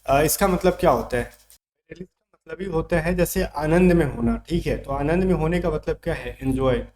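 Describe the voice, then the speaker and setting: A man's voice: on the high side, normal speed, a little mellow. A man teaching an exam vocabulary lesson, explaining words step by step and checking in with his students often.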